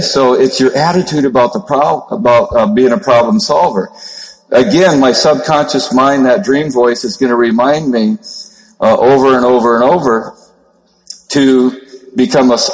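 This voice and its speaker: Man, Minnesota accent, 50s, monotone, seminar speaker, long echoey hall reverb. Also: medium pitch. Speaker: network marketing trainer. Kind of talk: motivational seminar talk.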